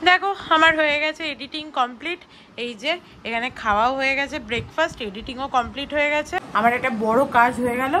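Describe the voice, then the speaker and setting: A woman's voice: high-pitched, fast talker, bright, forceful tone, slight background noise, poor audio. A young woman from West Bengal chatting to viewers in a casual daily-life vlog while she does chores at home. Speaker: vlogger. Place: home, indoors.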